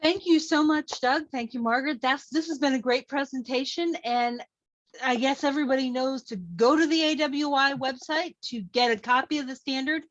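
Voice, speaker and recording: A woman's voice: sits high, moderate pace, a bit bright, dry recording. A woman hosting an online meeting over a video call, friendly and chatty with light jokes. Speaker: meeting host. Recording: dull, dry video call audio.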